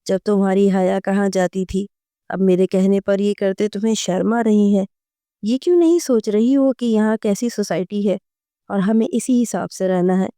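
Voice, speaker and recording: A woman voicing a harsh young husband who scolds and dismisses his wife, in a mellow, smooth voice. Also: medium pitch, no echo, studio quality, lightly acted. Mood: angry.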